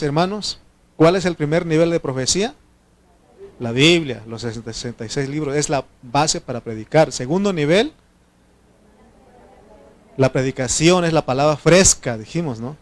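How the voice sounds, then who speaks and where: Man, pastor, teaching sermon, slightly higher voice, asks the church questions. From Mexico. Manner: teaching Bible study with frequent questions to the congregation.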